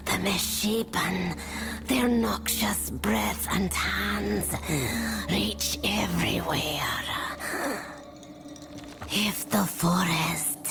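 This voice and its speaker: An actress voicing a solemn, ancient forest witch of the Fae in a fantasy game, speaking cryptically in a breathy, creaky whisper. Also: mid-range voice. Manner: slow, cryptic, incantatory, speaking as a collective we. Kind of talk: fantasy video game voice acting. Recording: music under the voice. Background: music.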